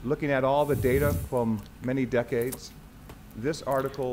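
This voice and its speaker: Older American man lecturing in measured phrases. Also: mid-range voice, steady tone. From United States. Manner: measured, halting delivery in short phrases. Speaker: conference speaker, head of a bioethics organization. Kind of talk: formal lecture, pausing for translation. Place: large conference auditorium. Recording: noisy lecture hall ambience.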